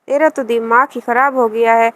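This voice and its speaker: A harsh, scolding mother full of contempt, as a woman reading the story puts her on. The voice sits fairly high and never softens toward her son. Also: fairly even intonation, lightly acted, low-quality recording. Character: angry scolding older mother, harsh and unforgiving.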